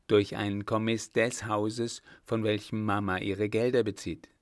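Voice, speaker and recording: A man's voice: lowish voice, level tone, unhurried, no room sound, studio quality. A man reading an audiobook voices an earnest young hussar lieutenant in a near-normal voice.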